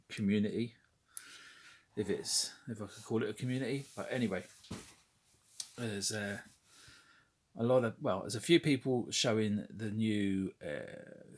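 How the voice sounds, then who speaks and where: A man rambling frankly in a casual vlog, with lots of fillers and casual swearing. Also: on the low side. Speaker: toy collector vlogger.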